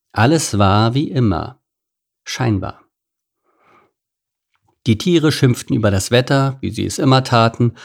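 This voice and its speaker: A man narrating a children's animal story in a calm, measured storytelling manner. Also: medium pitch, gravelly. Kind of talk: scripted audiobook narration.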